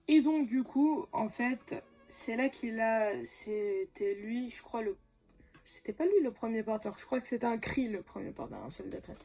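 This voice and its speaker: Chatty, hesitant woman with a slightly high voice. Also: dark tone. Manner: hesitant, full of "euh" and self-corrections, laughs often. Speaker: comics YouTuber. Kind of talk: casual comics explainer.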